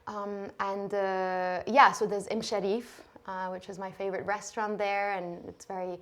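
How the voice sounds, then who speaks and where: A woman in her thirties from Lebanon talks as an interview guest. She speaks softly and often pauses on fillers and restarts. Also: medium pitch, little pitch movement. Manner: soft-spoken, many fillers and restarts. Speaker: guest, shoe designer. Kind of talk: relaxed interview conversation.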